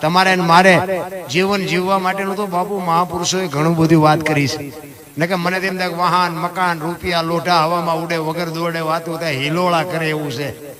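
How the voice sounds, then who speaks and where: A man with a Kathiawadi Gujarati accent spins folk stories and moral lessons for a live audience, speaking in a high, animated voice. He leans hard on his points and keeps calling his listeners "bapu". The crowd is clearly heard around his stage microphone. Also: moderate pace. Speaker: folk storyteller.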